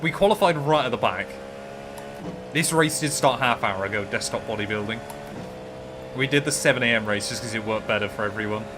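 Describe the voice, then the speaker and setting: Male racing streamer, thick West Country English, casual banter, engine noise clearly behind. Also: mid-range voice, a little fast. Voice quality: thick regional accent. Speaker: streamer and endurance sim racer. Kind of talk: casual chat while sim racing on a livestream. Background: car engine noise from racing game.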